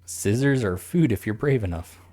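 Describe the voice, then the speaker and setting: Deep-voiced man stumbling through game text. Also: animated, mellow. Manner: halting, stumbling reading of old text; self-mocking, laughs often. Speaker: streamer. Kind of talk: let's-play commentary with reading aloud.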